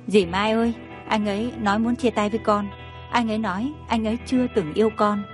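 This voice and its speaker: A woman's voice: medium pitch, fairly even intonation, brisk, faint music behind, lightly acted. A woman voicing a tearful, heartbroken young woman in a storybook reading, pleading.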